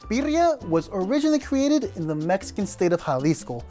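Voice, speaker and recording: Lively young man gushing about food. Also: sits high, a little fast, soft background music. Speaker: sketch comedy actor. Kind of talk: comedic sketch explaining a dish.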